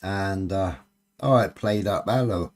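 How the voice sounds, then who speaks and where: Low-voiced, sweary Cornish man. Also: unhurried. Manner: sweary, bantering. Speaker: live stream host. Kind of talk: casual late-night livestream chat.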